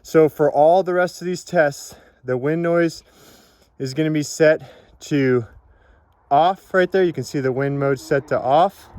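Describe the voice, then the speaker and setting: A man's voice: on the high side, unhurried, a little mellow, no room sound. A man giving a casual, informal product demonstration in an instructional way, as a reviewer.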